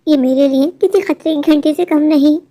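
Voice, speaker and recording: A woman's voice: high voice, fairly even intonation, moderate pace, dark tone, natural voice. A woman voicing a scheming selfish wife. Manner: scornful, cold. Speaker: voice actor.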